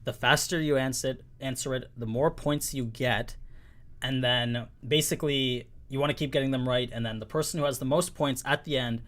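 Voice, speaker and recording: A man's voice: mid-range voice, steady tone, normal speed, fairly bright tone. A man hosting a casual livestream who laughs often and repeats himself when he gets flustered. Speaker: host.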